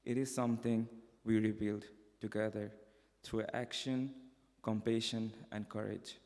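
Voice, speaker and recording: A young man from Bangladesh delivers a prepared speech in a large hall, earnest and measured, with a few restarts. His voice sits fairly low and stays flat in pitch. A long reverb trails his words. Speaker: conference speaker. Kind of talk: prepared personal testimony speech.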